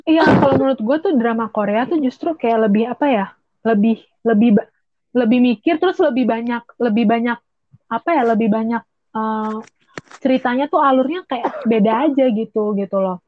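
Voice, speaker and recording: A woman's voice: fairly high pitch, moderate pace. Young woman with a lilt, chatty. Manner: chatty, rambling with restarts and slang. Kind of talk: casual chat. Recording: tinny phone-like line.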